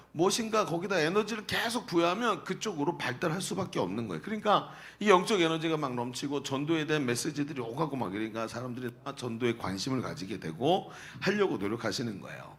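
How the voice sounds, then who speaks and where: A middle-aged man serving as senior pastor delivers a sermon in a fairly bright, somewhat high voice. He reads scripture aloud, then preaches conversationally, putting questions to the congregation.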